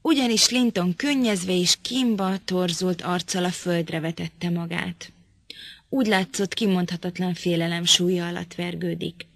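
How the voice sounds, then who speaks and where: A woman narrating a classic novel as an audiobook, with measured, even storytelling. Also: fairly low pitch, creaky, no echo.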